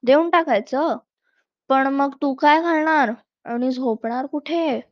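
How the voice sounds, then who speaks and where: A woman reading as a patient storybook mother who soothes and reasons with her child. Her speech is slow and fairly high, and the recording is dull and dry. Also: no echo. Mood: gentle. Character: patient gentle mother of a small girl.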